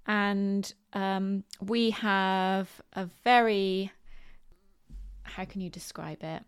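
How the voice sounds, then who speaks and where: Female podcast host, West Country English accent, mid-range pitch, informal and chatty, hesitant delivery with plenty of ums. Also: fairly even intonation, extremely slow, smooth. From Bristol, southwest England. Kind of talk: casual solo podcast talk.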